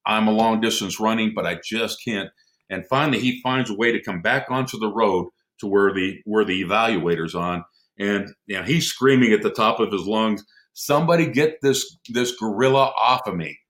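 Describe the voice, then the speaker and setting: A middle-aged man, a former airman, telling lively anecdotes in a casual conversation and chuckling often. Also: fairly low pitch, normal speed. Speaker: podcast guest, former military airman.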